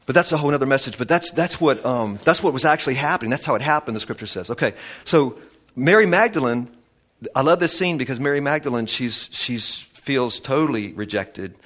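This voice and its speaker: Man preaching an animated sermon. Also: mid-range voice, brisk. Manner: animated storytelling with many restarts.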